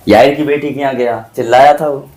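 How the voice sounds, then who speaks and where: A man's voice: medium pitch, steady tone, brisk, a little mellow. Man preaching with many restarts. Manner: preachy, repeats lines with many restarts and hallelujahs. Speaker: pastor. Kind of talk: sermon.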